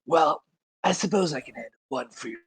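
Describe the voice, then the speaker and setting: A man's voice: on the high side, brisk, voice pushed up, close to an everyday voice. A man playing a haughty, skeptical adventurer in a tabletop game, speaking in a mock-formal, condescending way. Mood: skeptical, scornful.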